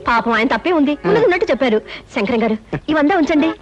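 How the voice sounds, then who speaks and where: A woman's voice: sits high, animated, very fast. A woman playing a kind, polite housewife in a film comedy scene. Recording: dull film soundtrack audio.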